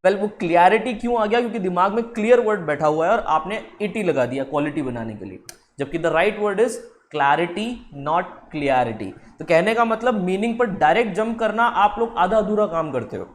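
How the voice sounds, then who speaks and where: Male tutor, high-pitched, drawn-out terms, faint background noise. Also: animated. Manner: explains with slow drawn-out English words. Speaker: English teacher. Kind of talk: spoken English lesson.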